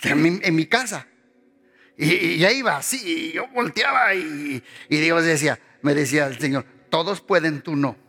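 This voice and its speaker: A man preaching a sermon with passion, repeating phrases and climbing in pitch as he acts out quoted voices. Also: expressive, normal speed, creaky, bright, forceful tone. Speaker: pastor.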